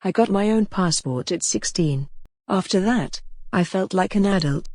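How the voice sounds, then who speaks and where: A woman teaching English grammar, reading example sentences slowly and clearly in a scripted lesson. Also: mid-range voice, a little mellow, no room sound, clean studio sound. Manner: slow, clear, deliberate reading.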